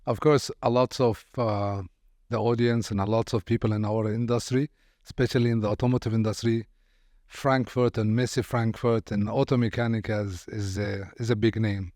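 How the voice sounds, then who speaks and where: A man's voice: lowish voice, steady tone, moderate pace, no echo. Man hosting a podcast, dry close sound. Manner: warm, welcoming, hesitant restarts. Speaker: podcast host. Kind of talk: podcast interview.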